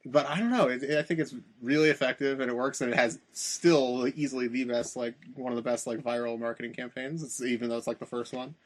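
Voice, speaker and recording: A young man with a mid-pitched, ordinary voice talks casually as a podcast co-host. He is chatty, throws in quick asides and fills pauses with filler words. He is recording at a friend's house. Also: steady tone. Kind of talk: casual chat.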